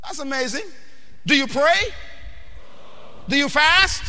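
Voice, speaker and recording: A man from the Bahamas preaches a sermon in a very high, very bright, expressive voice, speaking slowly. He emphatically presses his listeners with questions and often breaks into shouts. His voice rings out with the long reverb of a large hall.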